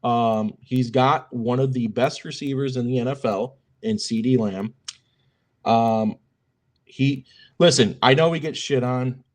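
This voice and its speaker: A young man co-hosts a casual sports podcast at an ordinary middle pitch. He jokes around, trails off and fills gaps with ums as he argues his picks. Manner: joking, drawn-out, lots of ums. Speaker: podcast co-host.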